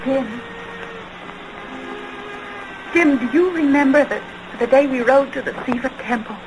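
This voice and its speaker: A woman playing an anguished, lovelorn woman in an early talkie film melodrama, pleading in halting, drawn-out phrases. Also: high-pitched, noisy background, close to an everyday voice. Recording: 1920s film soundtrack with loud music.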